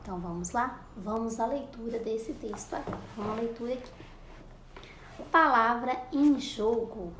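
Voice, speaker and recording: A woman's voice: on the high side, normal speed, a bit bright, a little hiss or hum. A woman teaching a lesson to young children, patiently repeating words and sounding out syllables. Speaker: primary school teacher. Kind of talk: recorded classroom lesson for children. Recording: echoey room, faint ambience.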